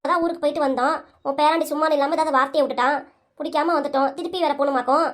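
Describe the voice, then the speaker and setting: A woman voicing a nagging, sharp-tongued elderly grandmother in a cartoon comedy, with a southern Tamil Nadu accent, scolding and exasperated. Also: sits high, fairly even intonation, very fast, lightly acted. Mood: complaining.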